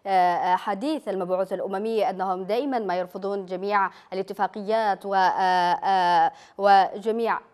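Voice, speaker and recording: Fast-talking woman news host. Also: medium pitch, fairly even intonation, a little mellow, smooth. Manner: fast questions with frequent hesitant fillers. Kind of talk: live TV news interview. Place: TV studio.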